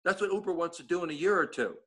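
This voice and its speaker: High-voiced rambling man, East Coast accent. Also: racing, a bit bright. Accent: East Coast American. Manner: rambling, with many restarts. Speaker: guest giving updates. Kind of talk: casual chat.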